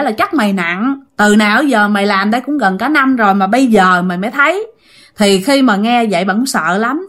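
A woman's voice: medium pitch, fairly bright tone. A woman with a Southern Vietnamese accent telling ghost stories in a chatty way, talking straight to her listeners. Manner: chatty, addresses listeners directly. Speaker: storytelling podcast host. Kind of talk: casual ghost-story narration.

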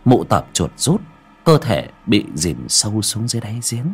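A man's voice: lowish voice, very animated, normal speed, slightly rough, faint music behind. A man narrating a horror story with dramatic delivery.

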